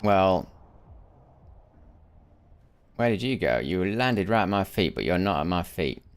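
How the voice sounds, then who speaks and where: This streamer has a very deep voice, made lower than usual by a sleepless night, yet his intonation stays lively at a measured pace. He chats and muses through his live gameplay, repeating and restarting words.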